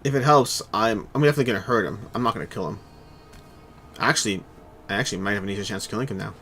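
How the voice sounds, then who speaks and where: A man's voice: fairly low pitch, bright, forceful tone, soft background music. A man co-hosting a board game stream, thinking aloud as he plans his moves. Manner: quick, thinks aloud, mutters to himself. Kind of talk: casual chat while playing.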